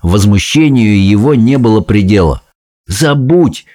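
A man's voice: mid-range voice, expressive, moderate pace, darkish tone. A man narrating a children's story in the first person, reading expressively. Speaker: audiobook reader.

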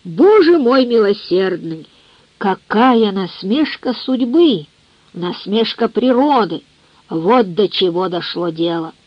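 A woman voicing a huge, bitter, drunken old father who bellows slow, ranting tirades in an audiobook. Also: medium pitch, lively intonation, husky, no room sound. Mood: drunken raging. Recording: muffled lo-fi dry recording.

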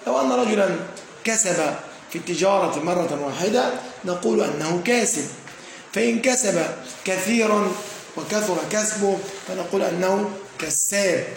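Gravelly man teaching grammar. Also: high-pitched. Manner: frequent "aah" fillers and checking "tamam?"; slowly stresses word patterns, listing examples. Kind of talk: explanatory grammar lesson. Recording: echoey room with faint ambient noise.

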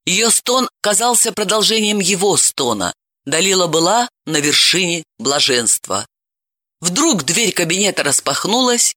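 A woman narrating a novel as an audiobook reader in an expressive, lively way. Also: fairly low pitch, a little slow. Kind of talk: scripted narration.

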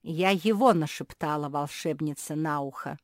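A woman's voice: low voice, lively intonation, takes it slowly, no room sound, studio quality. A woman voicing a bossy, cruel self-made female queen who barks orders in a children's storybook reading. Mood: imperious. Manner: commanding, shouting orders.

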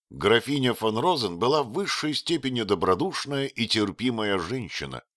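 A man's voice: lowish voice, fairly bright tone, dry recording, studio quality. A man narrating a novel aloud in a theatrical way. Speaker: audiobook reader. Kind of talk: expressive literary narration.

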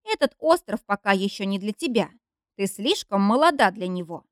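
A woman's voice: medium pitch, expressive, moderate pace, no room sound, clean studio sound, close to an everyday voice. Woman reading as a stern tired young man. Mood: firm, weary. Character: weary, firm young man, fed up. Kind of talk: audiobook character reading.

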